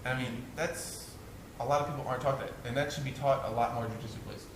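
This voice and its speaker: Hosting a relaxed jiu-jitsu podcast, this man speaks quickly at a medium pitch with fairly even intonation. After some loose chatter, he demonstrates a technique step by step, easygoing and full of fillers such as "you know." Background noise and echo fill the room.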